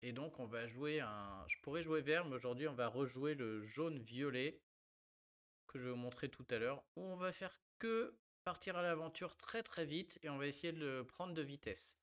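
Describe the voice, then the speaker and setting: A man's voice: medium pitch, expressive, moderate pace, a bit bright. A man casually talking about card game decks and a giveaway, chatty and full of fillers. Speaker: card game content creator. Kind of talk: casual gameplay commentary.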